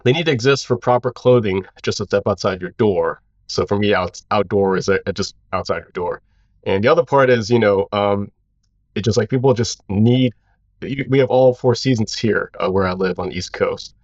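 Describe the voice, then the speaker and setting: A man in his thirties from Hawaii, a brand founder, who tells his story casually in a relaxed, rambling way and fills it with "you know". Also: fairly low pitch, normal speed, no echo, dull audio. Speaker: founder of a clothing brand, guest.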